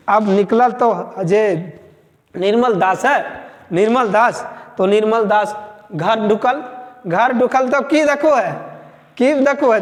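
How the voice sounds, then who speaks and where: Male tutor, very high voice, Khortha accent, chatty story retelling, long room echo. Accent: Khortha-speaking Jharkhand. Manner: conversational, tags lines with 'बुझले'. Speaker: teacher. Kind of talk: explaining a story to exam students.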